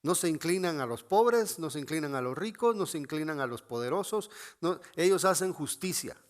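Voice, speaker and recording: A man's voice: a little high, animated, moderate pace. A man preaching a sermon in an earnest, emphatic way, repeating phrases and restarting words as he explains. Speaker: pastor.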